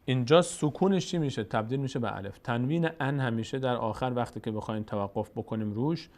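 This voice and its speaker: A man with a Tajik accent teaching Quran recitation rules, patiently explaining and slowly repeating words to show their pronunciation. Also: medium pitch, a little mellow. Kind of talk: explanatory lesson.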